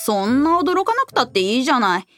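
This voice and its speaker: A lively, high-voiced sorceress played by a woman in a fantasy drama, breezy and blunt. She talks casually and frankly, grumbling with big swings of pitch. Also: fast talker. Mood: grumbling, flippant. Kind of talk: fantasy audio drama acting. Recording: music under the voice.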